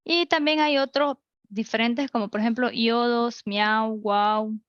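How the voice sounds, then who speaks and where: Online teacher, woman, higher voice, slightly dull lo-fi mic, methodical. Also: fairly even intonation, measured pace, a bit bright, no echo. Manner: explains rules step by step with examples. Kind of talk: online class lecture. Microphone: computer mic.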